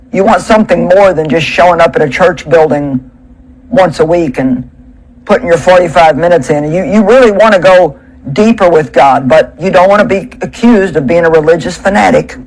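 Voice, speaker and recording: A woman preaches at a pulpit microphone in a plain, conversational way. She presses her points with emphasis and pauses on rhetorical questions. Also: lowish voice, low-quality recording. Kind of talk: sermon.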